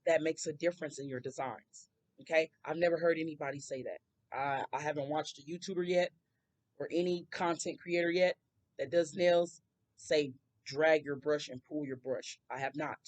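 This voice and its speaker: A woman with a hoarse, scratchy voice talks viewers through a nail tutorial in a chatty way, drifting into rambling asides. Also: sits low, a little mellow. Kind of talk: casual tutorial voice-over.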